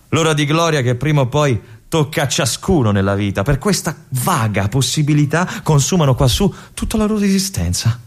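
An actor performing a stage monologue as a restless young army lieutenant stuck in a remote fortress. His husky voice often drops to a whisper. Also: on the low side, exaggerated voice. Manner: introspective, swings between hushed musing and agitated outbursts. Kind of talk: theatrical monologue broadcast on radio.

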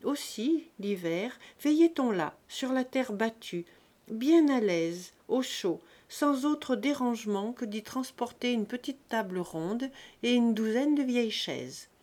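A woman narrating an audiobook of a classic novel in a calm, measured reading voice. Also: on the high side. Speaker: audiobook reader.

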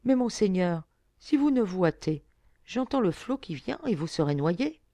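A brave young fisher girl, earnest and pleading, as a woman reads her aloud in a storybook. Her voice climbs high and swings widely, heard close and dry. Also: big pitch swings, normal speed, mellow, dry recording, natural voice.

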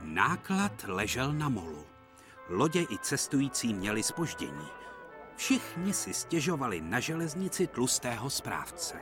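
A man doing scripted storybook narration for a children's cartoon dub, reading in a lively, expressive way, with music behind. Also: medium pitch.

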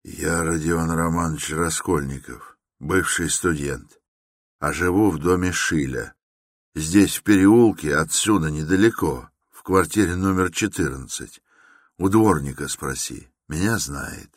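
Man doing a brooding young ex-student, quiet, lazy, absent, very deep, dry close sound. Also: normal speed, breathy edge, dry recording. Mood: detached. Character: weary young male ex-student, detached and brooding.

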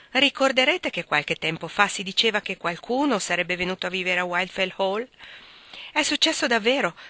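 A woman's voice: mid-range voice, bright, forceful tone, no echo. A woman reading an audiobook, voicing an eager, gossipy young sister.

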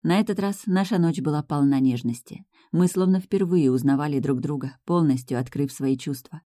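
Calm first-person audiobook reader, measured pace, warm mellow tone, close dry studio sound. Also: medium pitch, dry recording. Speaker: audiobook narrator.

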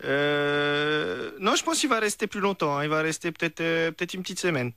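A man's voice: high voice, big pitch swings, moderate pace, fairly bright tone, dry recording, pitched above the performer's own voice, heavily acted. A man putting on a fake foreign accent and broken French, playing a dictator's valet in a prank phone call. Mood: pushy. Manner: broken French, pushy, unbothered.

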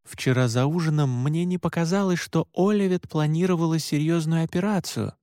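A male narrator reads a first-person story in an even, measured way. His voice sits slightly high for a man and is recorded dry and close, with no room echo. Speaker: audiobook narrator.

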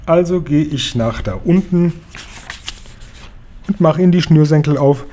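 A man's voice: a little high, measured pace, dark tone, close to an everyday voice. A man reading aloud and voicing a huge, kindly male giant who jumbles his words in a folksy, earnest way. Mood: earnest, excited.

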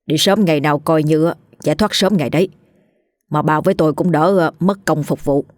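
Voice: mid-range voice, brisk, no room sound, clean studio sound, lightly acted. A storyteller voicing a callous, self-serving middle-aged village man who mutters offhandedly about his dead mother.

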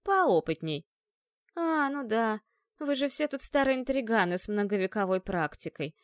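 A hot-tempered young inventor girl, played by a woman narrator, shrill and indignant. Her pitch sits high and leaps about, recorded dry and close. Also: big pitch swings, normal speed, dry recording. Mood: sarcastic.

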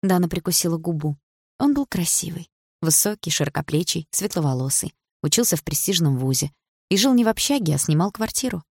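A woman narrating an audiobook of a romance novel in an even, steady reading voice. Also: on the low side, brisk, husky, dry recording, studio quality. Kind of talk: scripted narration.

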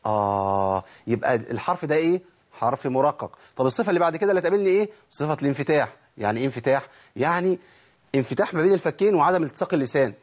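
Male Egyptian Quran teacher, quick and somewhat high-pitched, explains by asking and answering himself. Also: animated. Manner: asks questions and answers them himself, demonstrating letter sounds. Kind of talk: audio tajweed lesson.

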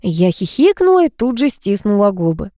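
A woman narrating a novel aloud, expressive and lifting her voice for the characters. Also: moderate pace, no echo, studio quality. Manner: expressive, lifts pitch for quoted characters. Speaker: audiobook narrator.

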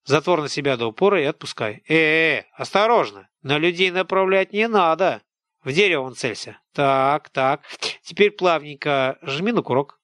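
A man voicing a calm, wry adult mercenary who talks in an easygoing, mildly mocking way. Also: on the high side, moderate pace, no echo, studio quality.

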